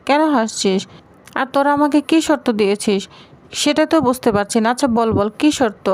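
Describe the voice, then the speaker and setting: A teasing, mock-offended young husband from a serial recap, as a woman reads his lines. His complaints come quick and joking, in a fairly high voice. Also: a little mellow, close to an everyday voice.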